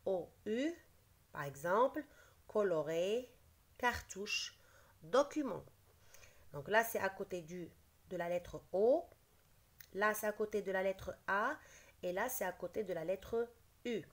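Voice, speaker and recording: Woman, schoolteacher, slow and deliberate, repeats every word for the class. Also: mid-range voice, lively intonation. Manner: explains patiently, repeats each word, switches briefly into Arabic. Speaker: teacher. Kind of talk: slow spelling lesson, reading words aloud.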